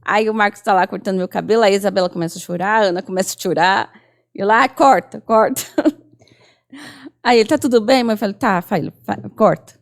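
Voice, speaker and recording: A woman's voice: mid-range voice, fast talker. A woman in her thirties with a Brazilian Portuguese accent, telling a personal testimony earnestly as a guest in a casual chat, acting out remembered dialogue. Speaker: podcast guest.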